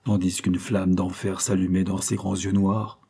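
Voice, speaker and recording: A man reading a novel aloud as an audiobook narrator, with a measured, deliberate storytelling delivery. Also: low voice, little pitch movement, gravelly, dark tone, husky. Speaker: audiobook reader. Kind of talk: scripted literary narration.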